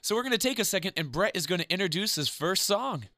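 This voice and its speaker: A man's voice: sits high, animated, fast talker, pushed and bright, no room sound, studio quality. A man hosting a radio interview in a chatty, friendly way with casual slang. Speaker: radio show host.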